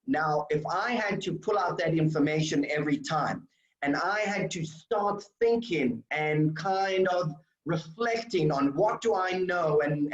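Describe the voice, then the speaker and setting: Guy running a culture training session, fairly high voice, kinda echoey room, lots of ums. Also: highs cut off. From South Africa. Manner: explanatory, with fillers and restarts.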